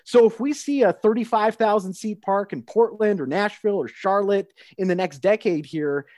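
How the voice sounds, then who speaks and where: A man's voice: sits high, moderate pace, a little mellow, dry recording, clean studio sound. A man co-hosting a sports podcast, talking in an upbeat, enthusiastic way. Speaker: podcast co-host. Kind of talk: casual sports chat.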